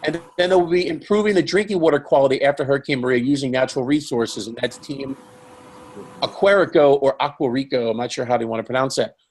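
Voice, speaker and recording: A man hosts a live online webinar in a mid-range voice. He rambles casually, restarts sentences often and fills pauses with "uh" and "um". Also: mid-range voice, a little mellow, slight background noise. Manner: rambling, many fillers and restarts. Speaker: webinar host.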